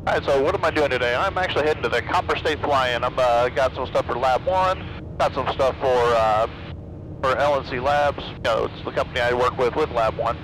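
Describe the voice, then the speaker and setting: A man's voice: medium pitch, a little fast. A middle-aged man speaking over a pilot headset in a small plane, casually narrating his flight and making radio calls. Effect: aviation headset intercom. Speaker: pilot and vlogger. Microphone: pilot headset boom mic. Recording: loud aircraft engine noise.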